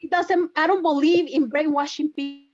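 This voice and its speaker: At an online town hall, a public commenter from El Salvador with a Salvadoran Spanish accent argues insistently and defensively, going back over the same points. Her high-pitched voice holds a steady tone at normal speed, and the recording sounds muffled.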